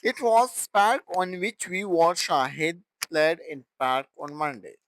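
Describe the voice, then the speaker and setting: Slow, deliberate male English teacher. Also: fairly high pitch, lively intonation, a bit bright, rough recording. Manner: slow, deliberate explaining with repeated example sentences. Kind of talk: grammar lesson.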